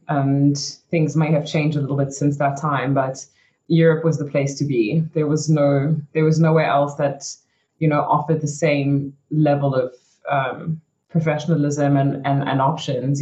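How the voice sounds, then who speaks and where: A young South African racing driver, appearing as an interview guest, tells her story in a chatty, frank way, full of "you know" and "like." Her voice is deep, a little mellow and a little slow, with flat delivery, and the highs are cut off.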